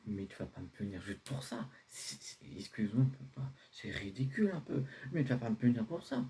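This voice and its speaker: A man's voice: medium pitch, very animated, brisk, mellow. A man playing a carefree teenage son who defends his outfit to his father in a homemade comedy sketch, hesitant and full of fillers. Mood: pleading. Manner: casual, pleading, hesitant with fillers.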